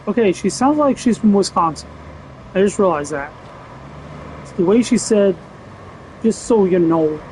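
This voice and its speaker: A man's voice: high-pitched, expressive, moderate pace, pauses often, darkish tone, a little hiss or hum, low-quality recording. A man giving casual gameplay commentary as a gaming channel host, chatty, with joking asides.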